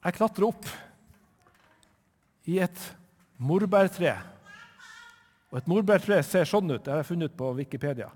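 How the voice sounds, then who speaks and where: A man from Northern Norway telling a Bible story to children in church, lively and chatty, asking his listeners questions. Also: high-pitched, pauses often, long reverb tail.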